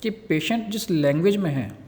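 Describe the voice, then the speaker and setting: A man gives a nursing lecture in a fairly high voice. He reads each English point slowly before explaining it in everyday words. His voice rings out in a long-reverb room. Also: expressive, darkish tone. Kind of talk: Hindi lecture explaining from slides.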